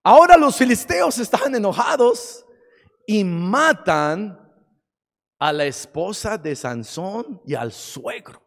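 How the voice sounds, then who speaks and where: Dramatic preacher. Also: male voice, high voice, very animated, slow pace, gravelly. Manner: dramatic, swings from hushed to shouting. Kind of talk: sermon. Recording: long hall reverb.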